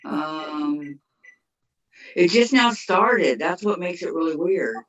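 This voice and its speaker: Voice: mid-range voice, expressive, slow pace, fairly bright tone. A remote guest in casual chat on a live stream, whose call audio keeps echoing like a cave while they fiddle with their settings. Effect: echoing call audio, like a cave echo. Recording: distant, dull call audio with echo.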